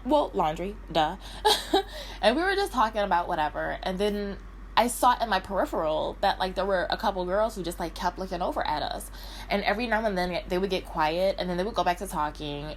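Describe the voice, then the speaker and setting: A woman's voice: mid-range voice, a little hiss or hum. Profane valley-talking woman, laughing. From Detroit, Michigan. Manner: profane, fast valley-girl chatter with frequent "like" and laughs. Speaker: vlogger. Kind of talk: casual storytime rant.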